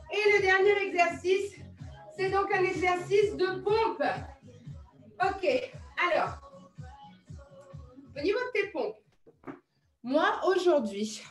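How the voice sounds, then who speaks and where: A woman coaching a live online workout class, counting reps and explaining exercises with chatty, encouraging asides, in a French accent. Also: very high-pitched. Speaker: fitness instructor. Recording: echoey room with music.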